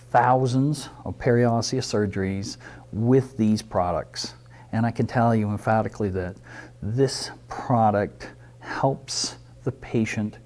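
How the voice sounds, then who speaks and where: A man describes a dental procedure in clinical terms. His voice is mellow and warm. He speaks in a measured way and leans on key points. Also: fairly low pitch. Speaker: dentist. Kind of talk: explaining a procedure on camera.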